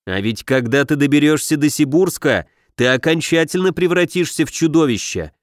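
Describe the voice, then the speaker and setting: A man voicing a stern heroic warrior who speaks in a low, firm, weighty way in an audiobook. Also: expressive, moderate pace, no echo, clean studio sound, lightly acted. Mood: grave firm. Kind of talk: audiobook narration.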